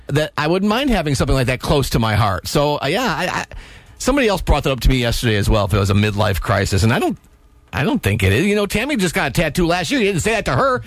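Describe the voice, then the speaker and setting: A man in his forties hosting a radio show, talking in a halting, nervous way with lots of stammered restarts. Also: fairly high pitch, no room sound. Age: 40s. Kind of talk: casual on-air chat.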